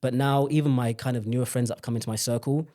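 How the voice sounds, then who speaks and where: His voice mellow and steady in tone, medium-pitched and fast, a young British man appears as a podcast guest. He shares personal stories in an open, reflective way, with many restarts, during a candid chat.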